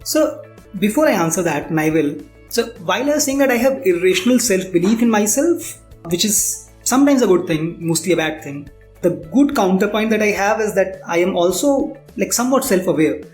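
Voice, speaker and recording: An Indian startup founder, appearing as an interview guest, gives conversational answers in a roomy space. His high-pitched voice is a little mellow, expressive and brisk. The recording has roomy echo and faint background music.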